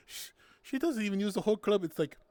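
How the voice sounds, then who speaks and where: A man's voice: very high voice, a little mellow, no echo. A man hosting a casual game night on his stream, playful and giggly, tossing in silly sound words. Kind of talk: casual gameplay commentary.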